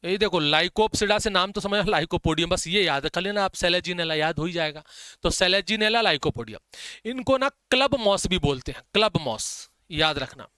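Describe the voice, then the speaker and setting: A man teaching a biology class in Hindi mixed with English, dictating notes and slowly repeating the key terms, with chatty asides. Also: sits high, lively intonation, bright, forceful tone, smooth, dry recording.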